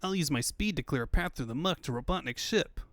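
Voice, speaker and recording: A man's voice: a little high, expressive, a little fast, fairly bright tone, no room sound, clean studio sound. Man voicing Sonic, a cocky hedgehog hero. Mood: cocky, breezy. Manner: breezy surfer-dude slang. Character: cocky, laid-back young hero hedgehog.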